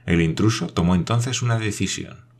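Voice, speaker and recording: A male narrator with a very deep voice reads a novel aloud at a measured, even pace, delivering a steady, scripted audiobook reading.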